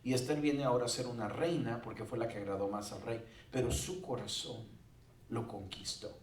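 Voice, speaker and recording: A man's voice: mid-range voice, normal speed, a little mellow, a little hiss or hum. A male pastor preaching a sermon in a conversational way with joking asides. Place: church sanctuary. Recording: roomy church sound from a distant mic.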